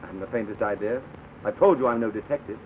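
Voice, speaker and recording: An American actor playing a reluctant, exasperated writer, dry and protesting, in a 1930s Hollywood film. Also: male voice, lowish voice, quick pace, lightly acted. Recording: tinny, noisy 1930s film soundtrack.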